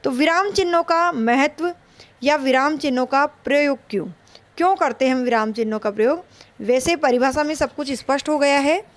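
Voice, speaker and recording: A woman with a high voice teaches a Hindi grammar lesson aimed at an exam. She explains slowly and repeats her points.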